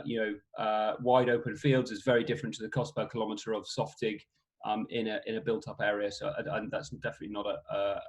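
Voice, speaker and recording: A man answering questions on a webinar in a hesitant way, with many fillers. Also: on the low side.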